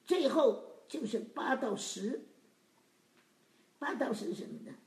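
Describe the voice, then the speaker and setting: High-voiced woman preaching in an echoey room. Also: lively intonation, slow pace. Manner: emphatic exhorting, rhetorical questions to listeners. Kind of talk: sermon expounding scripture.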